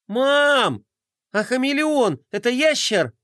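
A man voicing an excitable, forgetful young boy who frets and exclaims. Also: very high voice, drawn-out words, dry recording, clean studio sound, pitched above the performer's own voice, full character voice. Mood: calling out. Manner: exclaiming and fretting.

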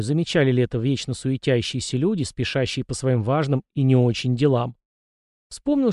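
A man reads a first-person audiobook in a measured, steady way, his voice dark and mellow. The recording is dry and close, with no room sound. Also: medium pitch, dry recording. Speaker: audiobook narrator.

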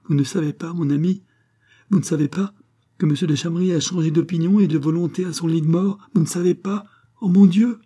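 A man's voice: medium pitch, normal speed, warm tone, lightly acted. A man voicing a grieving noble mother, a marquise, who pleads with emotion, rising to cries. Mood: pleading.

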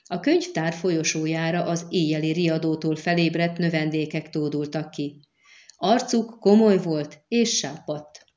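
A woman reading a fantasy novel aloud in a measured, even narration. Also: sits low, muffled recording. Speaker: audiobook narrator.

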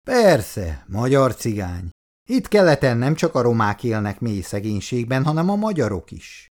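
A cool-headed militia leader speaks with dry mockery, read by a man in an audiobook. He teases and lectures in a lively, rising and falling voice. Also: medium pitch, lightly acted. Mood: cool mocking.

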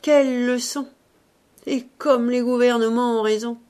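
A woman voicing a grumpy, sardonic old male showman in an audiobook, talking loudly and blustering. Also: on the high side, fairly even intonation, unhurried, pitched above the performer's own voice, lightly acted. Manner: loud, blustering, exclamatory. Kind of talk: audiobook reading.

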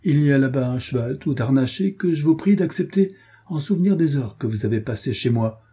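A man's voice: mid-range voice, animated, fairly quick, mellow, slightly rough, voice pushed up. A man reading an audiobook voices an ironic, teasing young nobleman and swordsman.

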